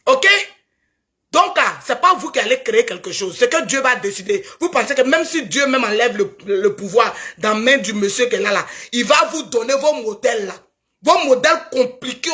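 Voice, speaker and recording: A woman's voice: on the high side, bright, forceful tone. A woman with an Ivorian French accent delivering a heated, preachy video rant and scolding someone emphatically. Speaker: social media commentator.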